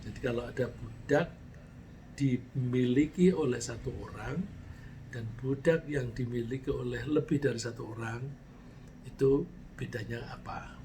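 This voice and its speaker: Mellow-voiced male preacher giving a sermon. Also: medium pitch, measured pace, pauses often, rough recording. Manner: explains with everyday examples, voice rising to stress points then dropping off; recites Arabic verses and then translates them. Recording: faint background noise.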